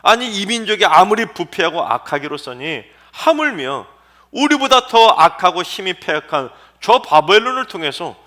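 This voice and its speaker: A man's voice: fairly high pitch, bright, forceful tone, voice pushed up. A male pastor acting out an anguished prophet who pleads and argues with God in indignant questions.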